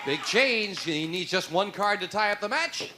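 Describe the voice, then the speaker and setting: An American man hosting a game show, announcing questions and results with animated emphasis in a television studio. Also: high-pitched, normal speed. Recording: noisy TV studio with crowd.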